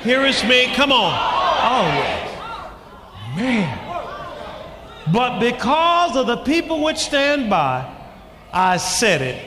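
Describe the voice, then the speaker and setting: A man preaching a sermon, calling out to the congregation and shouting lines for emphasis. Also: very high-pitched, sing-song, slow pace, long pauses. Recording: long hall reverb, faint ambience.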